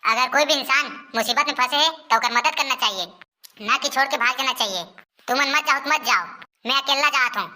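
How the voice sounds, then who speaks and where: A woman's voice: high-pitched, brisk, bright, forceful tone. A woman voicing an earnest young man desperate to marry in a comic Chhattisgarhi cartoon, speaking in a pleading manner with a Chhattisgarhi accent. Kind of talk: cartoon voice acting. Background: background music.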